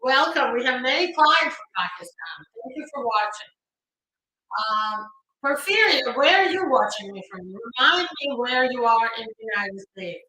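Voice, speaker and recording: Bright and forceful, with lively intonation and a moderate pace, a slightly high-voiced Ukrainian woman chats on a live stream as an immigration lawyer. She greets viewers by name, sounds upbeat, uses plenty of fillers, and records by phone in an echoey New York home or office room.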